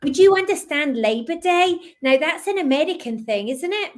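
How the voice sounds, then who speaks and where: A woman with a slight Scottish accent speaks quickly and gently, her voice sitting high and light. She gives reassuring psychic readings over a video call on a live stream. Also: lively intonation. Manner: fast-talking, gentle and reassuring. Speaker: psychic medium.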